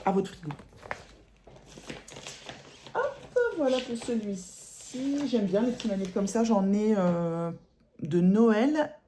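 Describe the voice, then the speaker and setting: A woman's voice: mid-range voice, dark tone, a little hiss or hum. A middle-aged woman from France chatting casually at home about her cross-stitch projects, rambling with many fillers and self-corrections. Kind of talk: casual chat showing embroidery.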